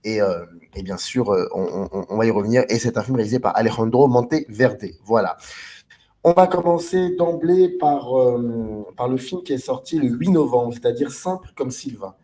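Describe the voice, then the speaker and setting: A man's voice: medium pitch, normal speed, warm tone. A man hosting a film discussion show in a casual, hesitant way, with lots of fillers and restarts as he introduces guests and films.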